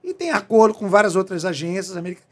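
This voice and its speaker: A man's voice: high-pitched, big pitch swings, fast. A middle-aged man from Brazil, a police chief, telling a story as an interview guest in a profane, emphatic way. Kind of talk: animated storytelling in a podcast interview.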